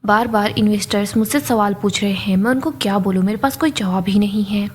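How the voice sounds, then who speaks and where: A sharp, reproachful businesswoman read by a woman. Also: mid-range voice, brisk, breathy edge, close to an everyday voice. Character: worried young businesswoman, cafe investor.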